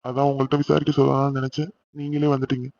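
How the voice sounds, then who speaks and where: A man voicing an injured young husband who reassures his family and brushes off their worry, in an amateur animated serial. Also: medium pitch, very fast, creaky, lo-fi sound, close to an everyday voice. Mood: polite.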